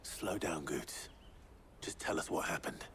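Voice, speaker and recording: An actor playing a grave, steady warrior hero in a fantasy video game, speaking in a measured, serious way. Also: male voice, very deep voice, a little hiss or hum. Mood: calm, firm.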